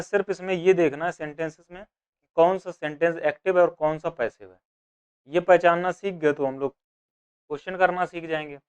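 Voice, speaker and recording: Male exam tutor, smooth resonant voice, slightly high, question-and-answer teaching style. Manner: asks and answers his own questions, voicing students. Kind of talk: grammar lesson for exam prep.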